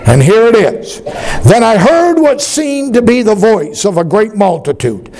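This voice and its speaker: A man's voice: high voice, very animated, unhurried, darkish tone, a little hiss or hum. A male pastor preaching a sermon in a church, emphatic and drawn out, calling the congregation to repeat after him.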